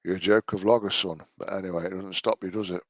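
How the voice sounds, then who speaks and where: A man's voice: sits low, steady tone, fast. An English man in his late forties giving mocking reaction commentary, sarcastic and sweary. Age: late 40s.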